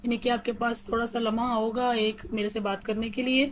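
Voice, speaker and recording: A woman teaching English phrases in Hindi-Urdu. She reads each phrase slowly, repeats it, and says she is reading a bit robotically. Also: a little high, little pitch movement, rough recording. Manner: calls her own reading a bit robotic.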